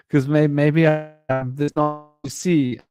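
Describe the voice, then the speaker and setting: A man's voice: a little high, fairly even intonation, slow, music in the background. A man on a live video call rambling in a casual panel chat while his voice glitches and cuts in and out over a bad internet connection. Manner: rambling, speculative, full of restarts. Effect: voice glitching, cutting in and out over a bad internet connection. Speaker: panel guest. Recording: choppy video call audio.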